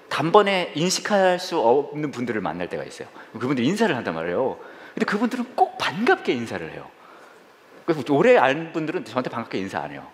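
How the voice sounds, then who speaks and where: A middle-aged man, a senior pastor, preaching a humorous sermon and acting out little scenes in squealing high voices. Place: church sanctuary. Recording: reverberant church hall.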